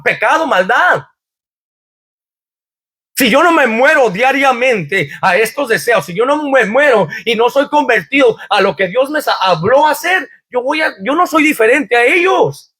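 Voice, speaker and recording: Male pastor, very high and forceful voice, fervent church sermon. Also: husky. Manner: preaching with fervor, quoting scripture, rhetorical questions.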